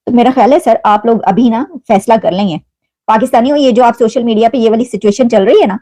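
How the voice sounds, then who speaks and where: A woman's voice: fairly high pitch, mellow, dry recording. Woman giving news commentary. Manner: conversational, rhetorical questions, mixes in English phrases.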